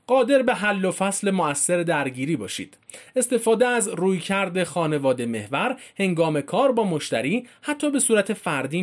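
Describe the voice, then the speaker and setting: A man reading a formal informational script as a narrator, with casual spoken word endings. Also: high-pitched.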